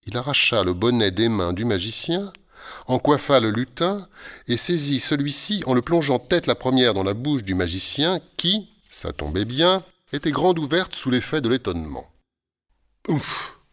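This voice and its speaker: A man narrating a storybook tale in a wry, lively storytelling manner. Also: medium pitch, moderate pace. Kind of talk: storybook reading. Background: music.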